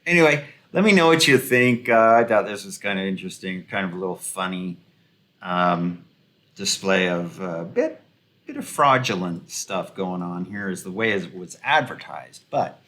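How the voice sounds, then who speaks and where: A man's voice: low voice, animated, normal speed, bright, forceful tone. A man giving casual, rambling commentary full of ums and restarts, with a sarcastic, mocking edge. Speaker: video commentator.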